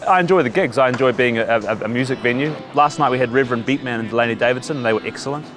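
A man who works at a brew bar, talking upbeat in a documentary interview and listing things quickly. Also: mid-range voice, over music. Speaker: brewery staff member.

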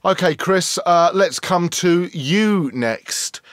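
A middle-aged English man impersonating an earnest, excitable football news pundit in a parody, repeating himself haltingly and starting upbeat before tailing off. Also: high-pitched, no room sound, studio quality. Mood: earnest, buzzing. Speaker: impressionist presenting a football channel parody. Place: small room at home, indoors.

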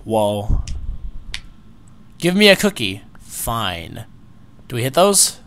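A man hosting a gaming video, chatting casually and reacting excitedly as he plays. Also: lowish voice, slow pace, slight background noise. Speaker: channel host, game player.

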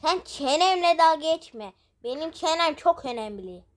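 A man's voice: extremely high pitch, lively intonation, moderate pace. A man voicing a menacing male jinn with a big chin in a cartoon, touchy and threatening.

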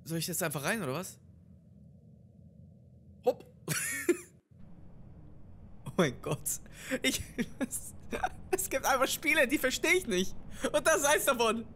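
A young adult gamer giving excitable, swearing horror-game let's play commentary to viewers, yelping at the scares. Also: medium pitch, moderate pace, pauses often, slight background noise.

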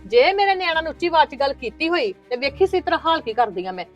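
High, rapid, indignant Punjabi woman. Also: very animated, muffled recording, soft background music. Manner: indignant, argumentative, protective of her children. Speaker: married daughter of the house in a family skit. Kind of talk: scripted family drama acting.

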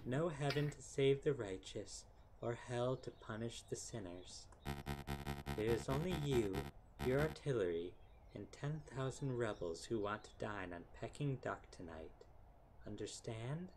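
A man acts out a villainous wolf friar from a game. He is measured and menacing, coaxing like a conspirator. Music plays clearly behind the voice. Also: medium pitch, lively intonation, poor audio. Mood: cold, menacing. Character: scheming, godless wolfish friar, coldly persuasive male villain. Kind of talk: reading visual novel game dialogue in character.

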